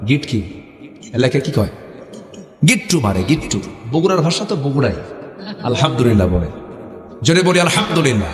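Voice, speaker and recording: A man from Bogura with a North Bengal accent, preaching a sermon to a live crowd. He leads call-and-response chants and swings between loud exhortation and quiet asides. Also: medium pitch, big pitch swings, fairly quick, long pauses. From Bogura, Bangladesh. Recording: echoey hall with long reverb.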